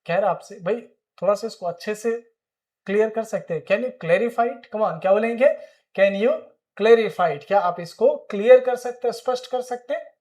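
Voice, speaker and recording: High-voiced Indian English teacher. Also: male voice. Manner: explains words in Hindi, checks in with "ठीक है?". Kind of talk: spoken English lesson.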